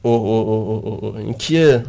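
A man's voice: lowish voice, gravelly, warm tone. A young man co-hosting a casual comic chat, teasing and joking playfully. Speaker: co-host.

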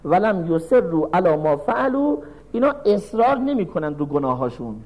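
A man preaches a sermon, reciting verses and then explaining them in lively storytelling. His voice runs high and swoops across a very wide range. He acts out the people in his stories. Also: highs cut off.

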